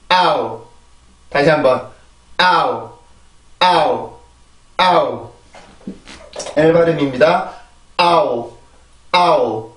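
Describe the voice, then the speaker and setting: A man teaching English pronunciation in a lecture, explaining sounds and repeating them in drills, often checking in with his listeners. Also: a little high. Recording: echoey room, voice a bit distant from mic.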